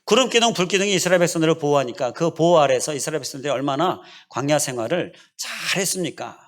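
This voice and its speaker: A man's voice: on the high side, expressive, fast. A middle-aged man, a pastor, preaching a sermon with emphatic repetition and rhetorical questions. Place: church sanctuary.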